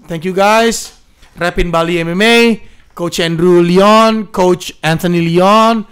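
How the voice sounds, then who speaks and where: A man's voice: high-pitched, fairly even intonation, slow pace, fairly bright tone, smooth. A man in his thirties with an Indonesian accent, a fighter guest in a podcast interview, talking intensely and mixing in English and swear words. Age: 30s.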